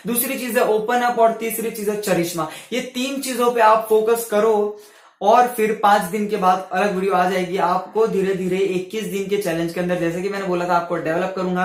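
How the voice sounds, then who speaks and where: A young man giving self-help tips to camera in a casual, animated way, swinging his voice between loud and soft on purpose. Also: sits high, reverberant. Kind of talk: casual motivational talk to camera.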